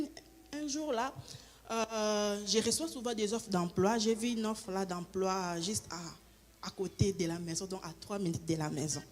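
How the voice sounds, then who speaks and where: A woman's voice: lowish voice, darkish tone. A woman, giving a spoken testimony with hesitant restarts and a raised voice when she acts out dialogue. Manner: hesitant, repeats words and restarts often. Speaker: church member giving a testimony.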